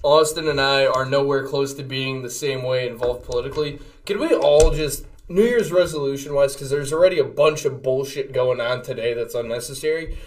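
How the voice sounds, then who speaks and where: A man's voice: mid-range voice, darkish tone. A young man co-hosting a casual sports podcast, talking in long rambling runs and laughing easily. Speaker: podcast co-host.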